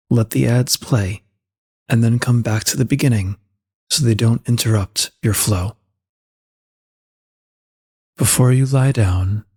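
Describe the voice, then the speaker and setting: Calm and soothing, a man with a husky, soft mid-range voice leads a slow meditation without any hurry.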